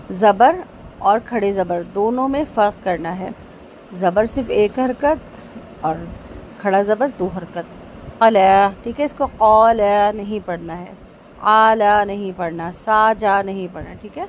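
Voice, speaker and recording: A woman teaching Quran recitation, spelling out letters slowly and checking after each point. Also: mid-range voice, darkish tone, slight background noise, poor audio. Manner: patient, repeats each letter slowly and checks with "theek hai?". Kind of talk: tajweed lesson, spelling out letters.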